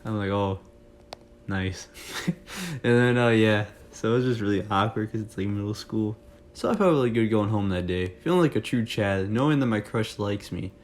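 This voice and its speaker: Young male vlogger, storytime, lowish voice, chatty and rambling. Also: a little fast. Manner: chatty, jokey, rambling with fillers. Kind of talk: casual storytelling.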